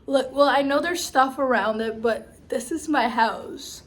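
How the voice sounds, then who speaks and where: A young woman vlogging to camera in a casual, chatty, expressive and informal way. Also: high-pitched, measured pace. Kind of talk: casual vlog chat to camera. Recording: clear background noise, travel ambience.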